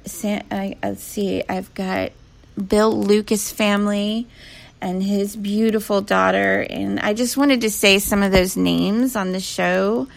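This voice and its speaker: Host, a woman with a slow, gravelly voice; soft and thankful, many fillers. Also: medium pitch. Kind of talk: casual spiritual chat.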